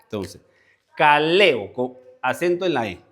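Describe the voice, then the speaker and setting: Guy preaching at a church bible study, explains words slowly, keeps repeating stuff, talks right to people in the room, normal mid-pitched voice. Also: expressive. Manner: explains word meanings step by step and calls on listeners by name; repeats key words for emphasis. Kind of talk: conversational Bible teaching. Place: church meeting with a congregation present.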